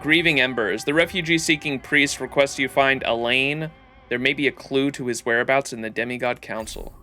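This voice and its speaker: A man's voice: medium pitch, moderate pace, pushed and bright, soft background music. A man doing casual, irreverent game commentary as a streamer, slangy and profane, sometimes reading the on-screen dialogue aloud.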